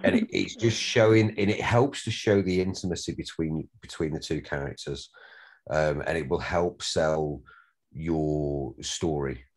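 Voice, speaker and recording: A man's voice: a bass voice, measured pace, darkish tone. A man with a Northern English accent, a director giving rambling, encouraging notes to actors at a script read. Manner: rambling, repeats words, swears casually.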